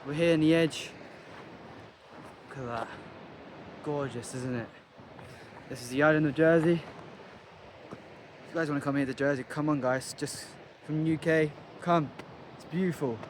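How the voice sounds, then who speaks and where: A man's voice: a little high, moderate pace, pauses often. A man chatting casually to camera and a friend while out running. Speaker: vlogger. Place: outdoors on a rocky coastal trail. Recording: noisy outdoor recording with ambience.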